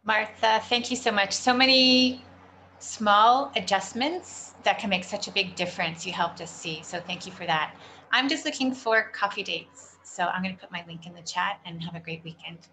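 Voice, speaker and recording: A woman with a bright, sharp voice gives quick, friendly thanks over a video call. Faint noise sits behind her. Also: medium pitch.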